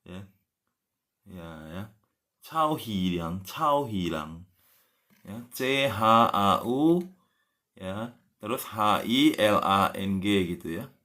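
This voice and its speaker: A man teaching language on a casual live stream, patiently drawing out example words and spelling them letter by letter, with a soft "ya" closing almost every phrase. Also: lowish voice, animated, takes it slowly, long pauses.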